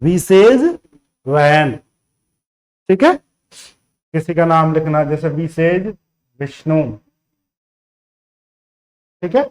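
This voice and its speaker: A man with a voice on the high side teaches a beginner phonics lesson in Hindi, repeating each letter sound again and again and checking in often. He draws out his words and leaves long pauses.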